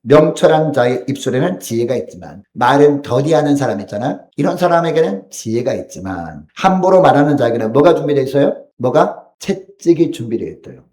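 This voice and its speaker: A male pastor preaching a sermon, who poses rhetorical questions to the congregation and answers them, swinging between loud emphasis and soft, low asides. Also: expressive, brisk, few pauses. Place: church sanctuary. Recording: roomy echo of a church hall.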